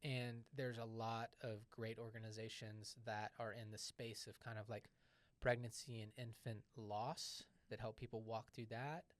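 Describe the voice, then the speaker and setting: A man's voice: lowish voice, little pitch movement, a little slow, dry recording. A man co-hosting a ministry podcast in a loose, conversational way, with fillers and friendly asides. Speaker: podcast co-host. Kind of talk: casual podcast chat.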